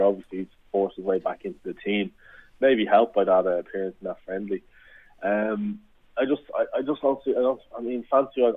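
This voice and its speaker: Man, tinny phone line, husky low voice, measured football chat. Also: dry recording. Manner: measured, hedging, thoughtful. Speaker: podcast panelist.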